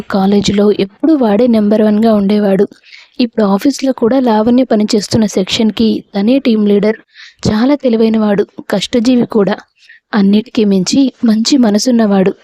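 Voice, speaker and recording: A woman's voice: mid-range voice, steady tone, normal speed, mellow, no room sound, close to an everyday voice. A woman voicing a lovesick young woman who hides her feelings and pleads earnestly for her friend.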